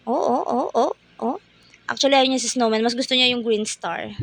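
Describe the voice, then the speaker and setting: Chatty young Filipina mom vlogging. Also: female voice, a little high, moderate pace, gravelly, dry recording. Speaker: vlogger, mother. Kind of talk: casual vlog narration.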